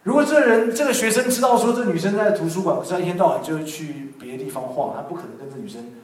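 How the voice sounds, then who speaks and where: A man preaching a sermon and sharing a personal testimony, animated, swinging between loud emphasis and soft, intimate prayer. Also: a little high, fast. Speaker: pastor. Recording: echoey room from some distance.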